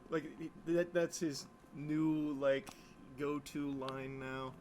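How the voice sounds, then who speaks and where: A man's voice: a little high, fairly even intonation, slow, darkish tone, slight background noise. A man casually commentating on a video clip in a chatty, mocking, profane way.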